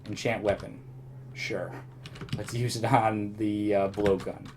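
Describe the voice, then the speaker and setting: A man's voice: fairly low pitch, level tone, takes it slowly, noisy background. Rambling man narrating his gameplay. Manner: thinking aloud, rambling with restarts. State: slightly losing his voice. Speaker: let's play host. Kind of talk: casual gameplay commentary.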